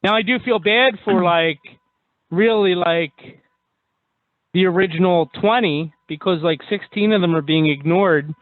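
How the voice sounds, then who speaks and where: High-voiced joking male radio host. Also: no room sound. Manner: jokey, quick, chatty. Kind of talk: casual talk radio chat. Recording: dry, tinny phone-like sound.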